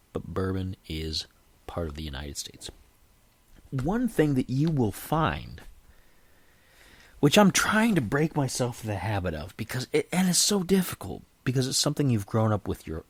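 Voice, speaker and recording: A man's voice: lowish voice, sing-song, moderate pace, no echo. A man hosting a podcast in a casual, digressive monologue, earnestly reassuring his listeners and often restarting his sentences. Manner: chatty, digressive, often restarts and self-corrects. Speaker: podcast host.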